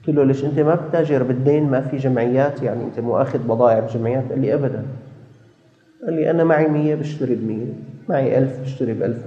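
A man's voice: medium pitch, dark tone. A man preaching a sermon, telling stories and acting out dialogues as he exhorts his listeners. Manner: storytelling, quoting dialogues, exhorting. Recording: echoey hall, dull lo-fi sound.

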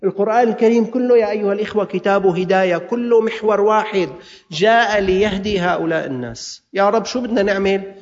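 A man's voice: high voice, fast. A man with a Levantine Arabic accent preaching a sermon, exhorting his listeners and mixing classical recitation with colloquial asides. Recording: dull lo-fi recording in a reverberant hall.

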